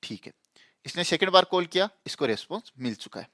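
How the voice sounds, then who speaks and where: A programming tutor delivers a casual explanatory lesson at a fairly quick clip, going back over main ideas and regularly asking if the listener is following. His voice sits a little high, and the close, dry recording carries no echo.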